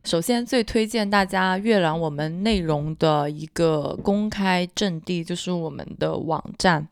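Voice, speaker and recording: A woman's voice: lowish voice, measured pace, gravelly, smooth, no echo, clean studio sound. A woman from Hunan with a Hunan accent that blurs L and N, co-hosting a casual podcast chat. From Hunan, China. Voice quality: mixes up L and N sounds. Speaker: podcast co-host.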